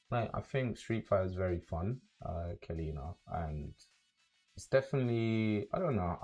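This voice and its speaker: Deep gravelly London streamer. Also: male voice. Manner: relaxed, rambling, many fillers and restarts. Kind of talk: casual livestream chat with viewers.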